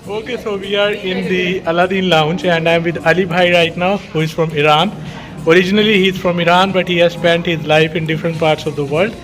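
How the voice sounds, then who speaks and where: A man's voice: high-pitched, steady tone, fairly quick. A man with a Pakistani accent hosting a casual interview, often answering "right, right" as he listens. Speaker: host. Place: restaurant lounge. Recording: lounge with music behind.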